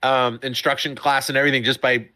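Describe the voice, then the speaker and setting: A middle-aged man giving chatty, excitable sim racing commentary, often laughing. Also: mid-range voice, fast talker. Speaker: race commentator.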